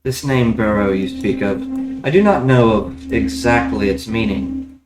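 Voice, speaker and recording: An ancient talking tree from a fantasy tabletop game, played by a man, speaks kindly and formally. Its phrasing is slow, stately and archaic, in a roomy, echoing recording. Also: lowish voice, natural voice. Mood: pondering.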